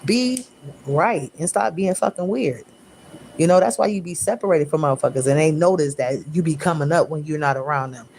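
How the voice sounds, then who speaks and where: Cussing lady doing a tarot reading, low-ish voice, bit of hiss behind her. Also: fairly quick. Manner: profane, blunt, animated slang-heavy talk; mimics listeners in raised voice. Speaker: tarot reader.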